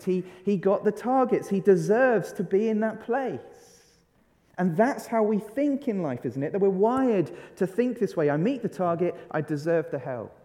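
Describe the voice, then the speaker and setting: Man, middle-aged, pastor, conversational sermon, fairly high voice, long church reverb. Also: dark tone. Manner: conversational preaching, asks the congregation questions, many restarts.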